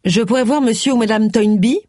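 A woman's voice: on the high side, a little fast, a little mellow, no echo, clean studio sound, voice pushed up, lightly acted. A reader voicing a brusque, wry middle-aged woman private detective in an audiobook. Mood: firm, wry. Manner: firm, impatient.

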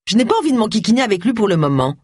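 A reader voicing Agatha, a sharp-tongued, complaining middle-aged woman. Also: mid-range voice, animated, fairly quick, husky, dry recording, clean studio sound. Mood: tart. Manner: tart and complaining.

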